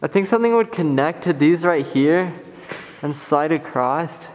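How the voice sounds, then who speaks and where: A young urban explorer with a voice on the high side narrates a handheld vlog while walking through an abandoned missile base, indoors and out. He's expressive and unhurried as he casually describes what he finds.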